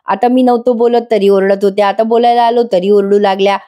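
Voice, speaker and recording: A woman reading the lines of a teasing, affectionate young husband in her own voice, with a mellow, fairly high tone. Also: steady tone, brisk, close to an everyday voice. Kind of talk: reading a character's lines in a TV review.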